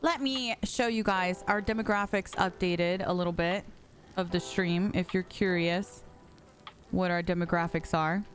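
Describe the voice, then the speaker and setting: A woman's voice: fairly low pitch, fairly even intonation, unhurried. A woman in her late twenties live-streaming a game, chatting casually with her viewers, answering chat and laughing easily. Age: late 20s. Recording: music playing under the voice. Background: background music.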